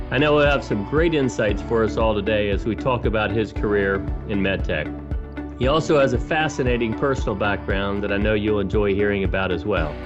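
A man's voice: on the low side, lo-fi sound. A man hosting a podcast, reading a polished introduction and then asking interview questions in an upbeat way. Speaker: podcast host.

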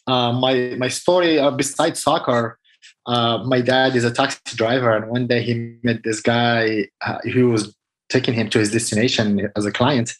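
Speaking as a guest athlete from Morocco, this man recounts his story in casual interview answers, earnest and filler-heavy, with simple non-native wording. His voice is medium in pitch, and the recording is rough.

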